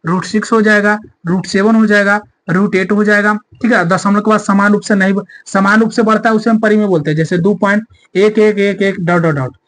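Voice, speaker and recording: A man's voice: high voice, a bit bright. A male maths teacher explaining a lesson step by step, asking the class rhetorical questions and repeating key points. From India.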